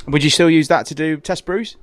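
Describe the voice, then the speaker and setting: Hosting a relaxed podcast interview inside a small brewery, this London-accented man from London speaks in a fairly high voice at a fairly quick clip. He's enthusiastic and tends to repeat words when starting a thought, captured close and dry.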